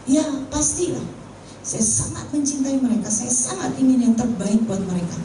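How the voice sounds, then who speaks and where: A woman's voice: a little high, animated, moderate pace, dark tone, echoey room, recorded from a distance, slight background noise, natural voice, rough recording. A woman preacher voicing a frustrated, tearful woman teacher who complains in an exasperated, whiny way. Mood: upset.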